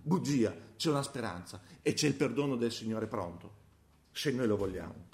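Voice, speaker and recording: A man preaching a sermon, dropping to soft murmurs and then rising to loud, slow, emphatic exhortation. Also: on the low side, animated. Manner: slow, emphatic delivery on scripture.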